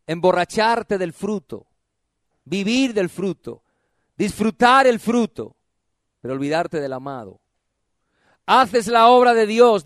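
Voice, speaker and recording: Man, preacher, sermon, high voice, dry close sound, call-and-repeat, soft low drops for emphasis. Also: no echo. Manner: calls on the congregation to repeat phrases; asks questions and answers them himself.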